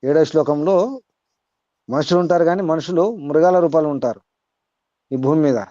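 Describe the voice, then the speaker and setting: A man teaching to a group on a call, asking listeners direct questions and reciting verses slowly. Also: on the high side, dark tone, no echo, dull audio. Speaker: spiritual teacher. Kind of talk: teaching over an online call.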